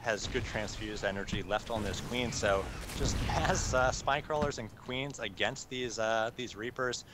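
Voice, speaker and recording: A man casting a live strategy game match, relaxed and easygoing, chuckling now and then and filling pauses with "uh" as he works through his thoughts. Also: on the low side, noisy background. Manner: relaxed, chuckling, thinks aloud with many fillers. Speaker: esports caster.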